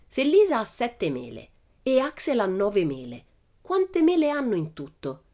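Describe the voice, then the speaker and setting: A woman voicing a patient, prim female schoolteacher in a storybook reading, measured and instructive. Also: fairly high pitch, huge pitch swings, mellow, voice pushed up, full character voice.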